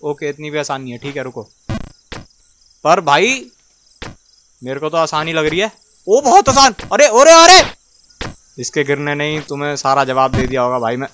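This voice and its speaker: A man hosting a casual let's-play, talking straight to his viewers and swinging between loud cheering and low muttering. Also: steady tone, fairly quick, pauses often, a little hiss or hum. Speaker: gaming video host.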